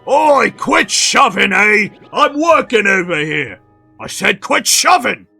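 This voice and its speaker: A rough, blunt sailor, played by a man with a high, gravelly voice that swings around in pitch. He talks slowly and gruffly, with faint music underneath. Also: sing-song, pushed and bright, heavily acted. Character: gruff male ship's sailor, rough working type.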